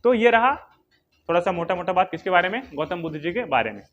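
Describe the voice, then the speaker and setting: A man's voice: sits high, expressive, quick pace, a bit bright, lo-fi sound. A man teaching a history coaching class, who asks questions, answers them himself and repeats the key names again and again. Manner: drills key names by repetition, dictates notes.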